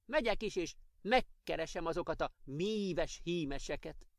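A man voicing a tiny, excitable male clock gnome in a children's audiobook, fussing and exclaiming. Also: a little high, no room sound, studio quality. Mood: excited.

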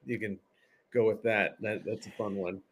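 A man's voice: fairly low pitch, steady tone, normal speed, breathy edge. A man, a comedian guest on a podcast, telling stories in a rambling way with many restarts. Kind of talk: casual podcast storytelling.

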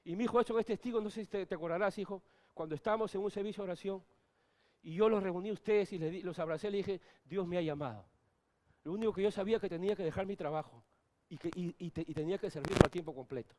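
A middle-aged male pastor preaching a sermon, moving between soft asides and loud, emphatic peaks. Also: high-pitched, fast talker.

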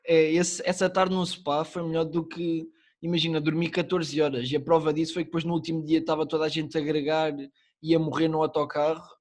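Homem jovem de Lisboa, voz algo aguda. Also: male voice, fairly high pitch, level tone, a little fast. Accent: Lisbon Portuguese. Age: young adult. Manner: slangy, swears freely. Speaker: podcast co-host. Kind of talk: casual chat. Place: online call.

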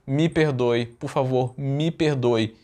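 A desperate woman begs for forgiveness in a soft, subdued plea, as a male narrator voices her. The voice drops lower and quieter than the narration. It stays close to an ordinary speaking voice rather than a full character. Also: slow, natural voice. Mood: pleading. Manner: soft, pleading. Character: weeping woman begging forgiveness.

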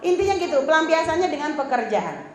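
Woman preacher, high voice, chatty and teasing, in a roomy hall. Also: big pitch swings, fast talker, a little mellow, a faint crowd. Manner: chatty, teasing, acts out quoted lines. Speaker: religious teacher. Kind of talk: religious talk to women. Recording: roomy hall with faint ambience.

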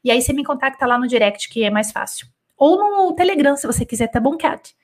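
In an expressive, high-pitched voice, a woman runs a live French class online. She reads dictation slowly and follows up with casual Portuguese commentary, frequently asking "tá?" to check understanding.

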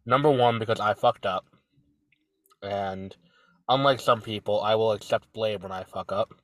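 A man co-hosts a casual podcast conversation at normal speed in a fairly low, fairly bright voice, made stuffy and nasal by a cold. His speech is rambling and halting, with many fillers and restarts, recorded without echo.

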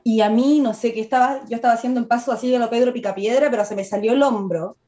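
A Chilean woman, a nail artist and tattooist, telling funny anecdotes in casual chat, animated and laughing as she goes. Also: a little high, fast. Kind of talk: casual storytelling. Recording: muffled lo-fi audio.

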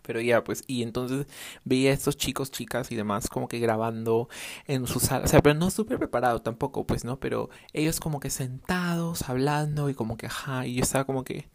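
A man's voice: mid-range voice, a little fast. A young man hosting a casual solo podcast without a proper microphone, rambling and drifting off topic. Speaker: podcast host, clothing brand owner. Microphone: no dedicated microphone.

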